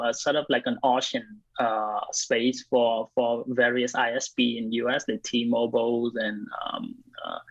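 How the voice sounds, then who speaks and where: With a mid-range male voice and no echo, this Vietnam-born guest speaks hesitantly in a casual interview. He co-founded a blockchain company and serves as its CTO, and his answers are thick with fillers and restarts. The recording sounds dry and lo-fi.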